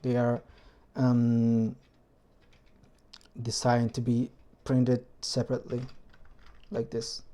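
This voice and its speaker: A man whose first language is Spanish explains a hobby engine build casually in a vlog, speaking with a Spanish accent and often pausing to find words in his second language. His medium-pitched, warm voice is delivered completely flat, with slight background noise.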